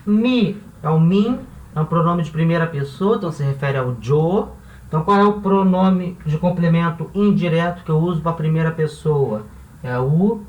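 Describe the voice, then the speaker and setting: A man teaching a grammar lesson, explaining step by step and asking rhetorical questions as he goes. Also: fairly high pitch. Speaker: Spanish teacher. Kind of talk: classroom-style grammar lesson. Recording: roomy, slightly distant mic.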